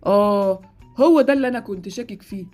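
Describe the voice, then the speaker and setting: A woman voicing a calm, reassuring male doctor with an Egyptian accent in a Roblox series. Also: medium pitch, faint music behind, natural voice. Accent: Egyptian Arabic. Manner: measured, reassuring.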